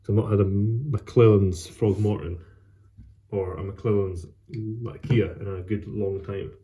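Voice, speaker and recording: A man hosts a relaxed solo vlog in a very dark, mellow voice. His pitch sits a little low. He chats casually and rambles along, often halting as he gathers his words. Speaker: host of a pipe tobacco vlog. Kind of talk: casual solo chat to camera.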